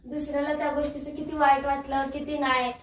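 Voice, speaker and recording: A woman's voice: high voice, flat delivery, quick pace. A woman hosting her own prank vlog, chatting casually to viewers and snapping sulkily at her husband in their bedroom at night. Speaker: prank video host. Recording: echoey room, mic set at a distance.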